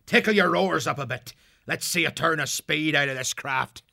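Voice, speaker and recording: A man voicing a swaggering, cruel male sea rat pirate captain who barks orders at his crew, in a gravelly voice. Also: on the high side, normal speed, pushed and bright, pitched above the performer's own voice, heavily acted. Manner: barking orders, gloating.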